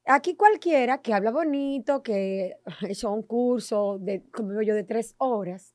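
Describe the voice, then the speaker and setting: A woman's voice: fairly high pitch, dry recording, clean studio sound. A woman with a Dominican accent hosting a podcast interview, chatty and full of wry asides. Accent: Dominican Spanish. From Dominican Republic. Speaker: host.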